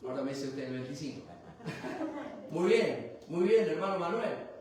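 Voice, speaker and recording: A man's voice: fairly high pitch, expressive, measured pace, a little mellow, slight background noise. A man preaching a rousing sermon as a pastor, quizzing the congregation for answers. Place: church hall, live service. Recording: very echoey church hall, distant mic.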